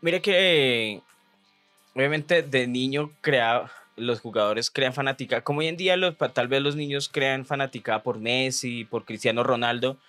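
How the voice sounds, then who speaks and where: A man's voice: mid-range voice, normal speed, a bit bright, soft background music. A man hosting a video podcast, chatting casually and telling stories with jokes. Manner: storytelling, joking, breaks into imitations. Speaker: podcast host. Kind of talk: casual chat.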